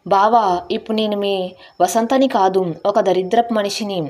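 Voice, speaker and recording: A woman's voice: mid-range voice, fairly even intonation, normal speed, a little mellow, close to an everyday voice. A woman voicing a wronged young village wife who pleads tearfully. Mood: sorrowful.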